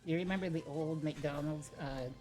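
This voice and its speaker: A man's voice: on the high side, steady tone, moderate pace, darkish tone, soft background music. A man co-hosting casual comedic banter, making absurd jokes in a dry, matter-of-fact way. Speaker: co-host.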